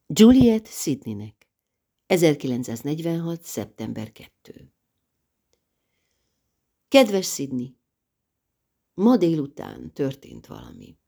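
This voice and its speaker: A woman reads an audiobook of a novel in letters, in a low, dark voice with a gravelly texture. Her reading is dramatic, with lively swings in pitch, and it moves from loud passages down to near-whispers. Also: pauses often. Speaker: audiobook narrator.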